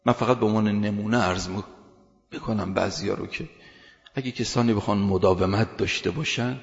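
A man with a low, gravelly voice delivers an earnest sermon and tells stories, pushing his key phrases louder as he builds. The sound carries a long hall reverb. The recording is dull and lo-fi. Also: steady tone. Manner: earnest, builds emphasis with rising loud phrases. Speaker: preacher. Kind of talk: sermon with storytelling.

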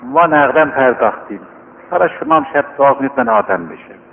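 A man's voice: medium pitch, lively intonation, gravelly. Earnest preaching man, tinny hall recording. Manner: earnest, pleading and conversational, slowing to recite scripture. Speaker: cleric preaching to young seminary students. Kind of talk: informal sermon. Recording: tinny lo-fi recording with long hall reverb and faint hum.

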